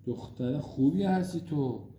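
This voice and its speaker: A man at home at night, gently and affectionately coaxing his small daughter to go to sleep. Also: fairly high pitch, lively intonation. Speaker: father putting his toddler to bed. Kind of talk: casual talk with a small child. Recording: roomy room with faint noise.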